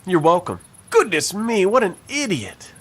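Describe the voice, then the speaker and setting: A man's voice: sits high, huge pitch swings, measured pace, a bit bright, full character voice. A man voicing a wry young male detective in a game, full of dry, sarcastic asides. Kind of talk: game voice acting.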